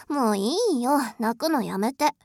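A woman's voice: a little high, darkish tone, dry recording, clean studio sound. A woman voicing a haughty, spoiled rich young lady who is bossy, cruel and scornful, in an audio drama. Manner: imperious, scornful, mocking. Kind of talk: adult audio drama role-play.

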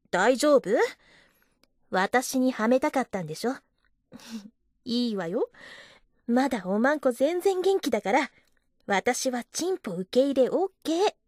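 A coy, teasing young office wife, acted by a woman in an adult audio drama. Her voice sits high and swoops up and down constantly. The sound is dry and close. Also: dry recording, full character voice. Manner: teasing and coy, giggling often. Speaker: voice actress.

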